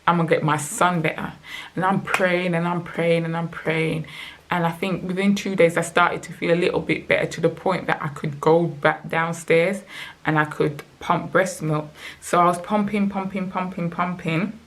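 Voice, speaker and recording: A woman's voice: lowish voice, moderate pace. A young woman, telling an emotional storytime vlog and acting out what was said. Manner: emotional, animated retelling with acted quotes. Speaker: vlogger.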